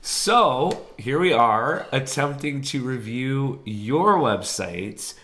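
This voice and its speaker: A man hosts a casual live stream with a hoarse, congested voice from a sinus cold. He chats easily, laughs often and apologizes for how he sounds, in a medium-pitched voice. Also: animated, takes it slowly, sharp tone. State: congested, sick voice.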